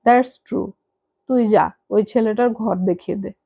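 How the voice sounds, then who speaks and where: A woman's voice: medium pitch, slow pace, creaky, warm tone, husky, heavily acted. Woman voicing a hesitant middle-aged father. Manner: hesitant, eager.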